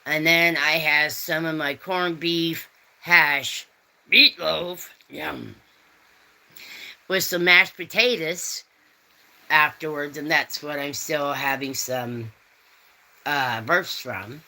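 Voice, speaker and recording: A woman's voice: deep voice, slow pace, bright, forceful tone, poor audio. A woman in her fifties hosting a rambling, folksy live chat and answering viewers' comments. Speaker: host. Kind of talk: casual chat.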